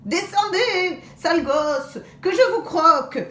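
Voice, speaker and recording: A cross storybook wolf disguised as a grandmother snaps and scolds in a raised, lively voice, as a woman reads him aloud. The sound is roomy and echoing, with a faint hiss behind it. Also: sits high, a little slow, voice pushed up. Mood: furious. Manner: impatient, scolding. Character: grumpy male wolf posing as grandmother.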